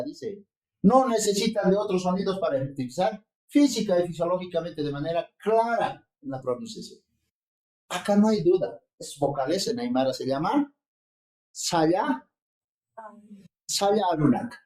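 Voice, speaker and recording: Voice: medium pitch, darkish tone. Roomy-sounding lecturer checking in with class. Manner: explains slowly, checks in with the class often. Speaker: linguistics lecturer. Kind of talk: university seminar lecture.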